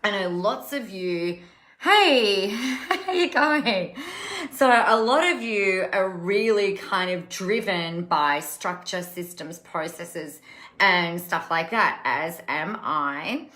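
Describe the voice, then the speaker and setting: A woman's voice: mid-range voice, lively intonation, slow, sharp tone. A woman, hosting a casual live stream as a coach, chatty and emphatic, repeating words for effect. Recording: echoey room.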